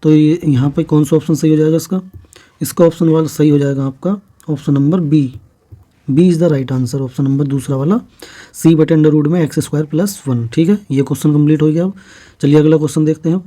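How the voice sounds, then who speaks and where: Maths teacher guy, super mellow warm tone, slightly high voice, walks thru steps one by one. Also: a little fast. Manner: steady step-by-step explaining with frequent "theek hai" checks. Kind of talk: exam-prep maths lesson.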